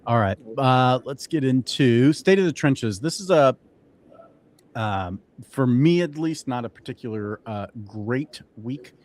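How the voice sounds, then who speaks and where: A man's voice: medium pitch, lively intonation, unhurried, darkish tone, no echo. A young man co-hosting a casual crypto show, talking loosely with many fillers and restarts. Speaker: co-host.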